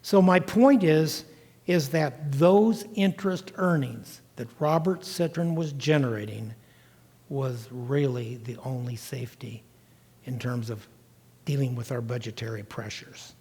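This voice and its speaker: A man's voice: mid-range voice, a little slow, a little mellow, slightly rough. An older man giving a public lecture as a first-person account, explaining with emphasis and addressing his listeners directly. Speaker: guest lecturer recounting time in county government. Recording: echoey lecture hall, long reverb.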